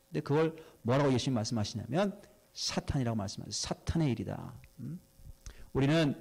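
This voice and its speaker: A male pastor preaching a sermon, who asks the congregation questions and answers them himself and slows down to stress key words. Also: a little high, creaky, darkish tone.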